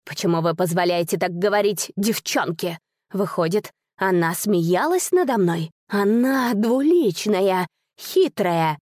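A woman playing a cowardly older nobleman, pale and trembling, who stammers and whines. Slow and faltering, with a warm, dark tone and a dry close sound. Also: mid-range voice, lively intonation, no room sound. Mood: whining. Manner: stammering, whining.

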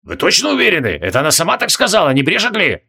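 A man voicing a hoarse, zealous guard captain baron who blames himself. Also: high-pitched, wildly swooping pitch, fast, sharp tone, pitched above the performer's own voice, heavily acted. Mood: suspicious. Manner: zealous, self-reproaching.

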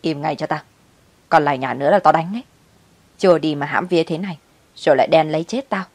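A woman voicing a harsh, impatient mother who scolds her child in quick, snapping bursts. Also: low voice, fairly even intonation, darkish tone, dry recording. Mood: harsh, scolding.

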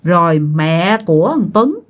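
A woman tells a ghost story in a chatty, conversational way. She often turns to speak directly to her listeners, and her voice rises and falls in lively swings. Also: on the low side, unhurried.

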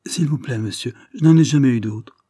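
A man's voice: medium pitch, normal speed, dark tone, dry recording, clean studio sound, pitched above the performer's own voice, close to an everyday voice. A man voicing a sly, ragged young boy who pleads and wheedles. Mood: pleading.

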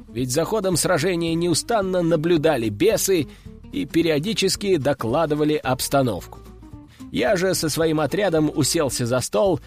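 Expressive male audiobook narrator. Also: a little high. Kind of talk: first-person audiobook narration.

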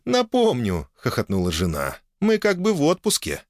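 A man's voice: mid-range voice, wildly swooping pitch, moderate pace, no room sound, voice pushed up. Playful young wife, teasing, audiobook, voiced by a man, dry close mic.

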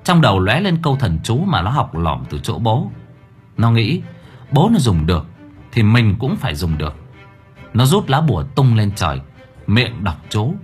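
A man narrating a fantasy audiobook in a dramatic, expressive way. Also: on the low side, moderate pace, faint music behind. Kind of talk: storytelling narration.

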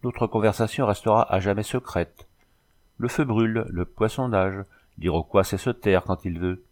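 Brief: man doing a sly, grave schemer, solemn and slow-spoken, deep voice. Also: darkish tone, close to an everyday voice. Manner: solemn, proverb-laden.

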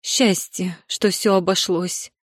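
A woman voicing a haughty, scheming aging stepmother who sneers and turns shrill. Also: steady tone, slow pace, no echo, clean studio sound. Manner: sneering, shrill when upset. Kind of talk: audiobook character voicing.

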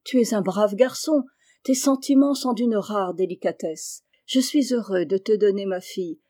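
A woman reading aloud voices an old lord, a soft-hearted father who speaks fondly. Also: mid-range voice, moderate pace, close to an everyday voice. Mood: moved.

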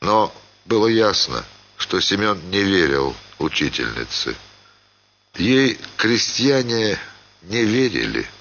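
A man narrating a classic short story in a measured, expressive theatrical reading. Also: lowish voice, dull audio, slight background noise.

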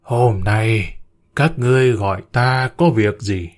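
A man voicing a stern male ancestral spirit who speaks through a medium, slow, solemn and commanding. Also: on the low side.

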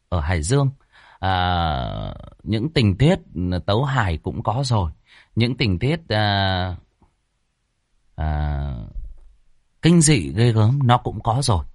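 A man hosting and narrating a horror story in a lively, chatty way. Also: lowish voice, no room sound, studio quality. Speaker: storyteller and channel host.

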